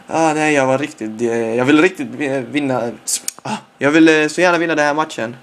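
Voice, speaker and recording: A young man commentating his own football game play, excitable and full of repeated exclamations. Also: fairly high pitch. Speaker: gamer.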